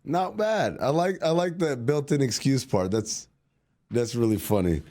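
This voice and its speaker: This basketball podcast co-host has a mid-range, dark-toned voice with lively intonation and an unhurried delivery. In casual sports chat, he teases his partner while breaking down the team's money matters simply.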